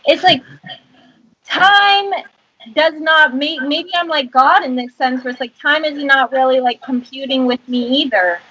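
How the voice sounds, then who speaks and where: Female guest, high voice, self-deprecating rambler, muffled line. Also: a little slow, pushed and bright. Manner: rambling, self-mocking storytelling. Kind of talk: casual chat.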